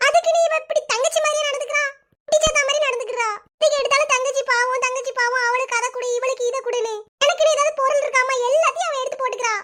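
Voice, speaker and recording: A woman voicing a jealous, complaining teenage older sister in a cartoon, with a southern Tamil Nadu accent and a shrill, sulky way of talking. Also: fairly even intonation, very fast, fairly bright tone. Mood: whiny. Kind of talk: cartoon voice acting.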